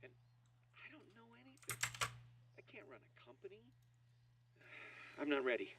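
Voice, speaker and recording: A man's voice: on the high side, very animated, normal speed, fairly bright tone. An actor playing an anxious young man who has inherited a toy company, speaking in a shaky, self-doubting way, heard as game audio. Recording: game audio, distant with faint noise.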